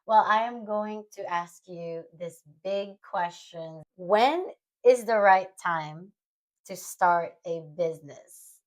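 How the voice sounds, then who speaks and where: A woman hosting a podcast, chatty and quick to laugh, asking her husband questions in a casual conversation. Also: on the low side, rough recording. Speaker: podcast host. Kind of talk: casual chat.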